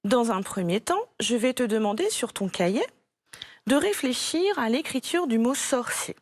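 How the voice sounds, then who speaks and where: A French woman teaching a primary school spelling lesson, speaking slowly and clearly, patient and encouraging as she repeats each word for a young pupil. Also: on the high side, expressive, dry recording. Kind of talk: slow, clear classroom instruction to a child.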